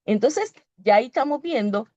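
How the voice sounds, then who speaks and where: A woman's voice: fairly high pitch, animated, moderate pace, mellow, dry recording. A woman with a Puerto Rican Spanish accent preaching a sermon in a church, teaching earnestly, reading scripture aloud and often correcting herself.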